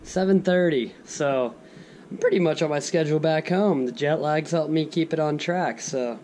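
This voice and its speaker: A man's voice: moderate pace, darkish tone. A young man talking casually to the camera like a vlogger, with an upbeat, enthusiastic, slangy manner. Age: young adult. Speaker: vlogger and skateboarder. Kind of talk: casual vlog talk to camera. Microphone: camera at arm's length. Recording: noisy action-camera sound, background rumble.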